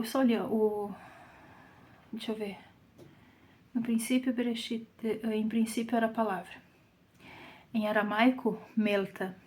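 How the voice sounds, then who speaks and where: A woman with a Brazilian Portuguese accent leading a Bible study, reading scripture aloud and explaining it, sometimes dropping to a soft whisper for emphasis. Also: fairly high pitch. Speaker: Bible teacher.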